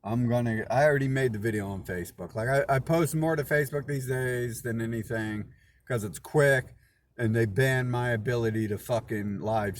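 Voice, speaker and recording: The channel host's voice is fairly low, with slight background noise around it. He delivers an indignant, suspicious monologue that rambles loosely, swearing often and stopping to restart and repeat words.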